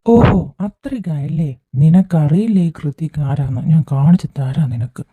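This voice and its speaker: A woman voicing a drunken, bossy husband who shouts orders at his wife in a fan audio drama. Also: sits low, moderate pace, phone-quality sound, close to an everyday voice. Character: drunken blustering husband, adult man.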